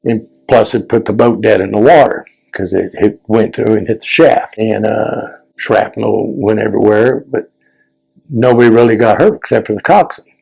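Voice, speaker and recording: In an interview, an aging Vietnam veteran reminisces casually about his service, wandering and repeating words in simple, folksy language. He talks at a moderate pace in a lowish, husky, mellow voice with vocal fry, and the audio is poor.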